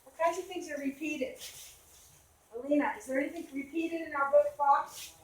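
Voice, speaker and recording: A woman's voice: sits high, steady tone, moderate pace. A woman from the Boston area with a Boston accent, teaching a reading lesson in a classroom and calling on students by name with questions. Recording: echoey classroom.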